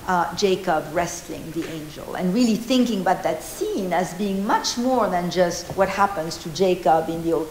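A woman in her fifties from Argentina gives an animated, gesturing art history talk in an informal style, full of restarts and fillers. Her voice sits on the low side, and a distant camera in an old meeting house captures roomy hall echo with slight background noise.

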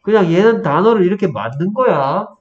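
A man's voice: high-pitched, animated. Man teaching an English lesson, dull recording. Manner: explains step by step, drills with quick questions. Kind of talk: exam-prep lesson, quizzing a student. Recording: dull lo-fi room recording, faint noise.

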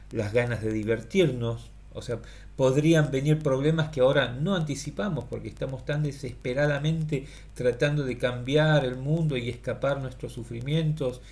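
A middle-aged man, thinking aloud in a halting, rambling monologue to a webcam in a small room. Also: medium pitch, creaky, a little mellow. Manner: halting, many fillers and restarts, thinking aloud. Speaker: philosophical vlogger. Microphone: webcam at close range.

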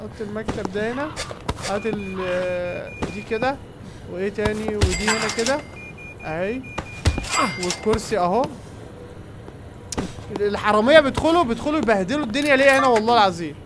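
A young man with an Egyptian Arabic accent giving excited running commentary on a game and talking to his viewers. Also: sits high, brisk, pauses often, very noisy. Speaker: gaming YouTuber. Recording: game music playing behind.

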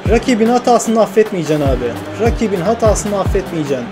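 A man commentating his own football video game career, excitable, grumbling and cheering at his own play. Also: high voice, fast talker, music in the background. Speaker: gaming YouTuber.

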